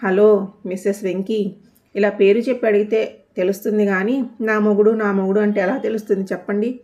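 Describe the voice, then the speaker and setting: A woman voicing a poised young married woman who answers calmly, politely and with teasing wit. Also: medium pitch, brisk, highs cut off, lightly acted. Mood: calm, sarcastic.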